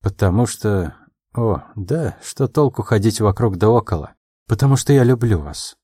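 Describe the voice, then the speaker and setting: A man voicing a calm, earnest young man in love in an audiobook, speaking quietly and in a measured way. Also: lowish voice, husky, dry recording, studio quality. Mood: tender, earnest.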